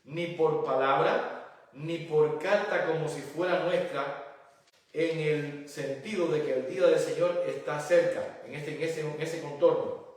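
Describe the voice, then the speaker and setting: A man's voice: on the high side, measured pace, a little mellow. A male pastor preaching a sermon, reading scripture aloud and then explaining it with rhetorical questions. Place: church. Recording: very echoey church hall, voice from a distance.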